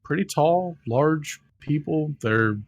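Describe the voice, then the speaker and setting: A man's voice: fairly high pitch, expressive, takes it slowly, dull audio, a little hiss or hum. A man narrating as game master, rambling, with many ums and restarts.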